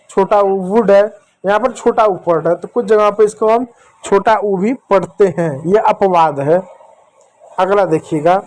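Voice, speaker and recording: A man teaching children a phonics lesson, going slowly through each letter sound. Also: sits high, darkish tone. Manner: slow, repetitive, drills each letter sound step by step.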